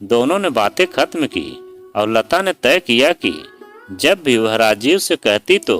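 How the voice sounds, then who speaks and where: Slow male storyteller over sitar. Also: medium pitch, big pitch swings. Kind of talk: scripted narration of a moral story. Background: soft sitar music.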